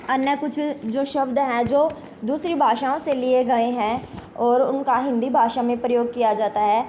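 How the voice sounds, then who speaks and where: A high-pitched woman teaches a grammar lesson to exam students. She talks to them as children, asks questions and answers them herself. Her tone is mellow, with faint noise in the background. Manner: addresses pupils as children, repeats "ठीक है".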